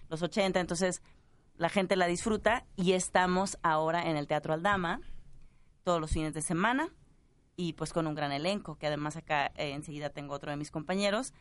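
A woman, a stage actress, chatting as a guest, often pausing with fillers to find her words. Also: deep voice, no room sound. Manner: hesitant, searching for words. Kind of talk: casual interview chat.

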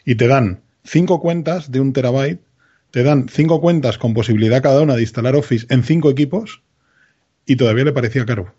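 A man's voice: mid-range voice, a little fast, mellow, breathy edge, muffled recording. A man recounting an argument on a tech podcast, indignant. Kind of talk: casual tech podcast chat.

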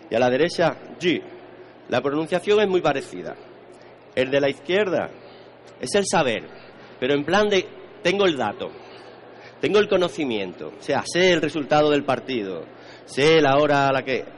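A man's voice: medium pitch, expressive, fairly quick, a little hiss or hum. A man with a Spain Spanish accent who teaches Eastern arts, lecturing a live audience in a conversational way, repeating words and checking that people follow.

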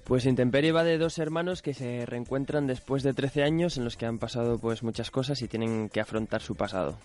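Male guest from Spain, quick, clear explainer. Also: medium pitch, darkish tone, soft background music. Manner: friendly, explanatory. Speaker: guest actor. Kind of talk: casual radio interview.

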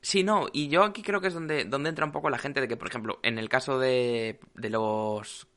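A man talking casually on a podcast. His voice is bright and forward, and he rambles along, circling back with fillers and half-started words. Plain pitch for a man. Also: normal speed. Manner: rambling, full of "o sea" fillers and restarts. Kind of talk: casual chat.

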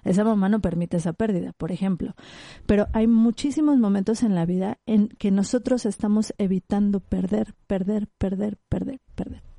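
A woman's voice: mid-range voice, normal speed, vocal fry, no echo, studio quality. A woman, a specialist guest explaining her topic and acting out short examples as she talks. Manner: animated, explains with acted-out examples. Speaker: psychologist guest. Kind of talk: conversational expert interview.

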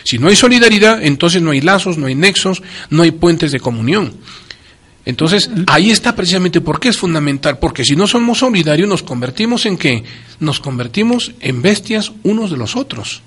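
A man's voice: a little high, lively intonation, moderate pace, a bit bright, breathy edge. Emphatic man giving religious talk. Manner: emphatic, preacherly, repeats key phrases.

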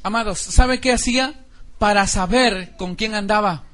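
A man's voice: high voice, a little slow, a bit bright. A pastor preaching a sermon to his congregation, exhorting them and asking them to repeat phrases and underline verses.

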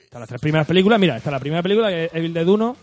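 A man's voice: a little high, lively intonation, rapid-fire, darkish tone, soft background music. A man co-hosting a casual chat, teasing and swearing freely.

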